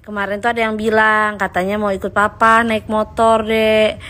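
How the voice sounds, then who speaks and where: A woman's voice: medium pitch, little pitch movement, normal speed, fairly bright tone. A woman chatting playfully with small children in a casual home video. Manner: playful teasing talk to a baby. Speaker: family member filming children.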